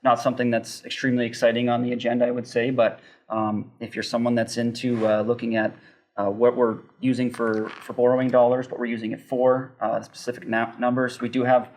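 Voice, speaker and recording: A man's voice: medium pitch, flat delivery, fairly quick, slight background noise. A man, a city councillor, steadily explaining council procedure in casual talk with frequent ums. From Canada. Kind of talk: casual civic discussion.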